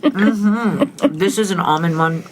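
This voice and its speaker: A woman's voice: medium pitch, slow, slight background noise. A woman with a New York accent hosting a podcast, chatting in a rambling way and trailing off mid-thought. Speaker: podcast host. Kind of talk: casual chat.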